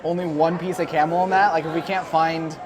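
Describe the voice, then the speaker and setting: A man with a high voice gives a casual food review. He is informal and a little halting as he works out each verdict. A crowd is clearly audible around him outdoors. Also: little pitch movement. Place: outdoors at a theme park. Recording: outdoor vlog amid crowd noise. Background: crowd noise.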